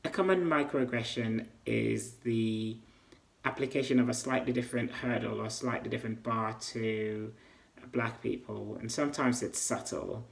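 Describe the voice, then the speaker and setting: A man from Sierra Leone speaking slowly and deliberately in an interview. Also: medium pitch, fairly even intonation, gravelly. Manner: slow, deliberate.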